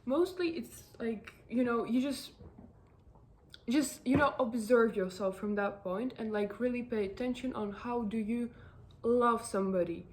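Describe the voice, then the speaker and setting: A woman's voice: on the high side, a little slow, slight background noise. A woman giving casual self-help advice to camera, earnest and encouraging, rambling with many fillers and restarts.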